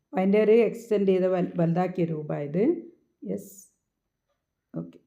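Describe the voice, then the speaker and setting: A woman's voice: fairly low pitch, normal speed, creaky. A woman teaching a Quran recitation lesson online, explaining step by step, asking questions and answering them herself, and mixing English terms into her speech. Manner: soft, devout closing prayers.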